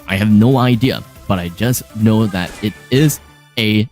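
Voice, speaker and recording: A man's voice: lowish voice, measured pace, a little mellow, faint music behind. A man casting an esports match live, dramatic and fond of repeating phrases for emphasis. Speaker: esports caster. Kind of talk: live esports play-by-play commentary.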